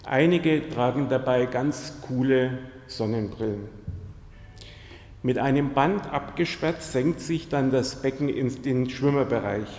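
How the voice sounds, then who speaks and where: A man's voice: medium pitch, a little mellow, a little hiss or hum. A man giving a sermon, telling personal stories and turning to the congregation with direct questions. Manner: storytelling, addresses the congregation directly. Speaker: pastor. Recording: echoey church hall.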